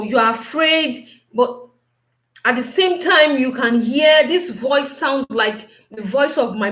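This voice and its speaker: A woman giving a motivational talk, slow and repetitive, asking her listeners many questions. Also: a little high, fairly bright tone, roomy sound.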